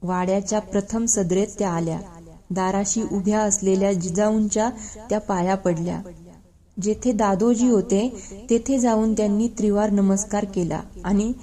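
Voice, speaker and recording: A woman reading a historical novel aloud in a measured storytelling manner. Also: mid-range voice, steady tone, dark tone. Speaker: reader.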